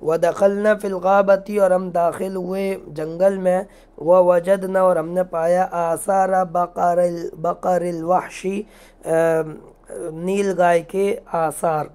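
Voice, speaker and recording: Man slowly reading and glossing lines. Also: sits high, little pitch movement, a little mellow, clean tone. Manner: reads each Arabic phrase slowly, then glosses it in Urdu. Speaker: Arabic teacher. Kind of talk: line-by-line reading and translation lesson.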